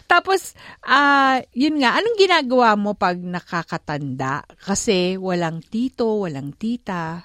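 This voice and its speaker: Animated, chatty Filipino woman on radio. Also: medium pitch, a little slow, dry recording, studio quality. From Philippines. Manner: chatty, laughing, animated storytelling. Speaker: radio host. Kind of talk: casual chat in a studio. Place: radio studio.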